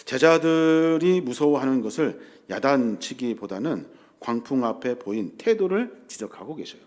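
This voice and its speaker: A male pastor preaching a sermon in a church hall, swinging between loud and hushed and acting out the voices he quotes. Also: medium pitch, expressive, normal speed.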